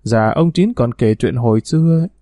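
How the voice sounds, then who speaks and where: A man's voice: mid-range voice, moderate pace, warm tone, no echo, lightly acted. A man voicing a timid middle-aged female servant who speaks deferentially and pleads. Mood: pleading.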